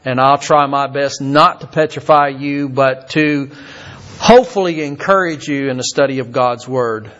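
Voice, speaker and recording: Older preacher, muffled recording. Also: male voice, medium pitch, a bit bright. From Kentucky. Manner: halting, repeats words with many fillers. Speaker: visiting preacher. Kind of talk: sermon.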